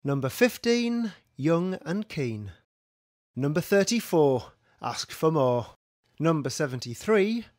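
A man calls bingo in a slow, scripted sing-song. His pitch swings widely as he announces each call. The sound is close and dry, like a studio recording. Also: no room sound. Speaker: bingo caller. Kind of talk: scripted bingo calling, numbers with rhyming nicknames.

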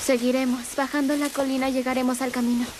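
A high voice in noisy outdoor footage, an actress as a frightened, determined girl. She urges in short, breathless phrases, in naturalistic horror-film style. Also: flat delivery, quick pace, lightly acted. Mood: anxious, encouraging.

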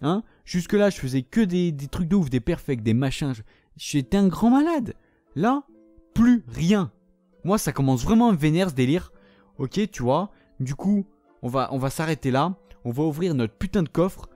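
A man's voice: fairly high pitch, expressive, normal speed, mellow, no room sound, faint music behind. Exasperated, sarcastic man gaming. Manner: exasperated, sarcastic, swears a lot. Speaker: gaming channel host. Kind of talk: casual gameplay commentary.

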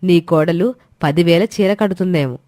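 A woman's voice: lowish voice, moderate pace, warm tone, no room sound, studio quality, natural voice. A woman voicing a proud, wealthy middle-aged woman who taunts and mocks sarcastically. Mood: taunting. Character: proud rich middle-aged woman, the sharp-tongued younger sister.

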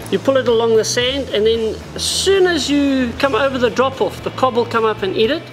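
Seated at the wooden counter of an indoor tackle shop, a South African man in his forties explains fishing products practically, calling his viewers guys. His voice sits high, and the recording is rough.

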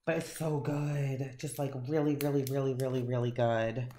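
A woman's voice: a bass voice, fairly even intonation, moderate pace, mellow. A woman chatting casually and enthusiastically as she reviews wax melts, rambling with fillers. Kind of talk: casual chat. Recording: echoey room, faint noise.

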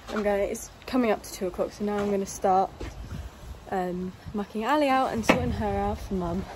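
Against a noisy background, a young woman with a voice on the high side chats in an upbeat, rambling way for her equestrian vlog. She films with a phone held at arm's length at a stable yard, outdoors and in a horse lorry.

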